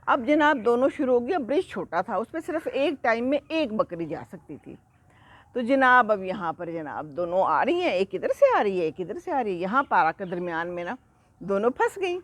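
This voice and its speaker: A woman telling a story to young children, animated and full of questions to her listeners, speaking outdoors under a tree. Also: mid-range voice, no echo.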